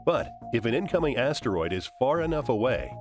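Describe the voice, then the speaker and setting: A man's voice: mid-range voice, big pitch swings, brisk. A man narrating a scripted documentary in a dramatic, portentous way. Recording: music under the voice. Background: dramatic music.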